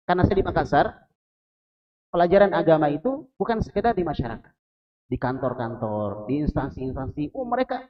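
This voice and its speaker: A man from Indonesia giving a lively mosque sermon, putting questions to the congregation and joking with them. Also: fairly high pitch, lo-fi sound. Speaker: preacher.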